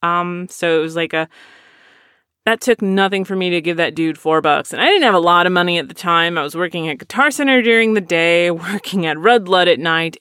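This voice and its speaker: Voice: mid-range voice, pushed and bright, clean tone, no echo, clean studio sound. A podcast host in their late thirties, chatting casually and answering listener questions in a self-deprecating, rambling way. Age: 30s. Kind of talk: casual chat.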